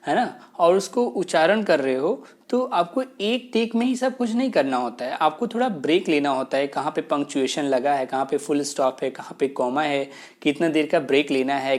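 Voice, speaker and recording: Patient man teaching in a relaxed way. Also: fairly high pitch. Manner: patient, explanatory, slows down for key phrases. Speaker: English teacher. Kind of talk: casual spoken lesson, mixing Hindi and English.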